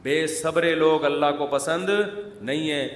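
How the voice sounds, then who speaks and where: A man delivers a humorous sermon, moving between jokes and earnest advice and often asking a question before he answers it. His voice sits a little high for a man. The recording is roomy and echoey, with faint ambience underneath. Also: fairly even intonation, a little hiss or hum. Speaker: Islamic preacher.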